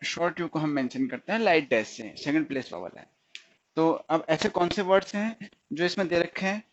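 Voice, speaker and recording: A man's voice: on the high side, normal speed. Man teaching in dull lo-fi audio. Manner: explains step by step and repeats each sound; keeps checking whether students follow. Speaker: stenography teacher. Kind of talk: recorded lesson. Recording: dull lo-fi sound.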